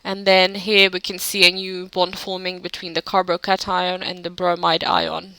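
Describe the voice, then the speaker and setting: A woman's voice: on the low side, monotone, moderate pace, pushed and bright, smooth, no room sound, rough recording. A woman narrating a chemistry lesson over slides, hesitant, with many "um" fillers and self-corrections. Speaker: chemistry tutor.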